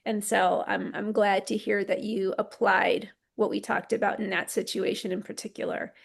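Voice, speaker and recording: A woman hosting a casual family discussion, affirming and reflecting back in a measured way. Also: medium pitch, flat delivery, gravelly, slightly rough. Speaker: host and therapist.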